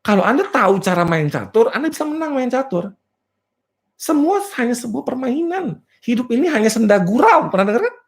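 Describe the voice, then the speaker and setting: This business coach has a very high-pitched, very animated male voice and talks fairly quickly at a motivational seminar held both live and virtually. He jokes and laughs at himself, asks rhetorical questions, and keeps checking "clear?" with the crowd.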